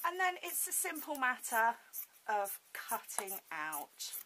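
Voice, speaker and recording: A woman's voice: on the high side, big pitch swings, slow, pushed and bright. A woman hosting a casual hands-on sewing tutorial, thinking aloud as she works, with toothless articulation, lips over her teeth. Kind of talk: casual hands-on craft demonstration. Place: indoors at a home sewing table. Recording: hissy home recording.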